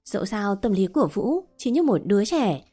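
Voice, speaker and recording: A woman narrating a first-person story in a steady audiobook reading. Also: mid-range voice, normal speed. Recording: faint background music.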